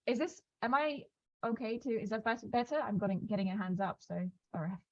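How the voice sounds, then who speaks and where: A woman presenting on a video call, rattling through a program agenda at speed with plenty of ums and restarts. Her voice sits at a middle pitch and sounds close and dry. The call audio is dull and muffled. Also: dry recording. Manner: fast-talking with many fillers and restarts. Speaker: program staff presenting onboarding. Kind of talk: online onboarding call walkthrough.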